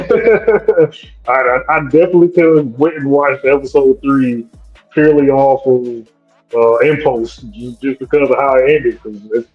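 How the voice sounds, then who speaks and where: A man's voice: mid-range voice, unhurried, breathy edge, phone-quality sound, soft background music. A man co-hosting a casual livestreamed podcast, laid-back and repeating himself as he talks. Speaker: podcast co-host.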